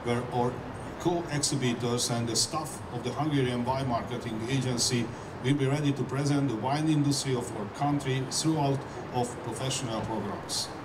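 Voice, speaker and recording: A man, a visiting diplomat, reading a formal English speech into a handheld mic outdoors. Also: mid-range voice. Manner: slow and deliberate reading. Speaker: foreign diplomat giving a speech. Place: outdoors at a building entrance. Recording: distant mic with outdoor noise.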